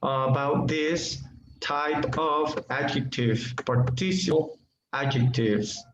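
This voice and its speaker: A man teaching an online English class, talking slowly with many fillers and frequent "okay" checks. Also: a little high. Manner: slow, hesitant, many fillers and okays. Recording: muffled echoey room, faint noise.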